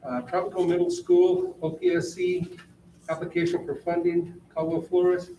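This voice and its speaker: A man chairing a board meeting, running through procedure in a halting, informal way. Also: high-pitched, level tone, dark tone. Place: indoor board meeting room. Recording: echoey room, distant mic, faint noise.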